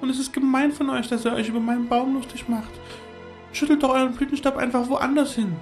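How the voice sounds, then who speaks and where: A man voicing a small, brave young female squirrel who speaks high and tearful. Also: completely flat delivery, normal speed, dark tone, faint music behind. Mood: indignant.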